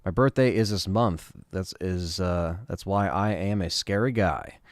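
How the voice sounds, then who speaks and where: A man hosting a casual livestream, answering chat questions in a relaxed, rambling way with lots of fillers. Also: low-pitched, unhurried, no echo, studio quality.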